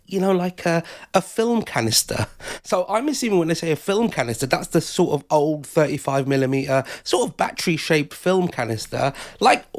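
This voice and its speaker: A man co-hosts a radio show with playful, teasing banter and a wry edge. His voice sits a little above the usual male pitch. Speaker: radio co-host.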